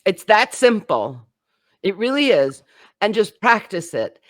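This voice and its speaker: Woman, English pronunciation teacher, unhurried delivery, drawn-out demonstration words, mid-pitched voice. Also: sing-song. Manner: slow, demonstrative, drawing out example words. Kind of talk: live online class instruction.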